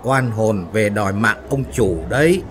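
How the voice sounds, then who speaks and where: A man voicing frightened, quarrelsome female factory workers in a spoken ghost story, shrill and scolding. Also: unhurried, background noise, natural voice.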